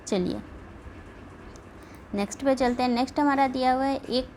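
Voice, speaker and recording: Gravelly-voiced woman teacher, steady. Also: sits high, normal speed, a little hiss or hum, rough recording. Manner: steady, checks in with repeated "ठीक है". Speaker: exam coaching teacher. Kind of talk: spelling lesson walkthrough.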